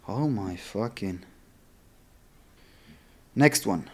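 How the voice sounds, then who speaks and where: A husky, lowish male voice with lively intonation comes through very slowly. The speaker, whose stronger language is Italian or German rather than English, is a vlogger practicing sales cold calls in a casual, candid way.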